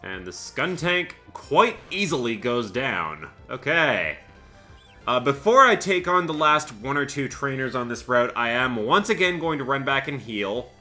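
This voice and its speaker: A man talks through his game run in a chatty, thinking-aloud way and breaks into laughter often. His voice is very bright and sharp, and his pitch swings widely. Faint game music plays underneath. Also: big pitch swings, measured pace. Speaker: Let's Play host. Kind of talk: gameplay commentary.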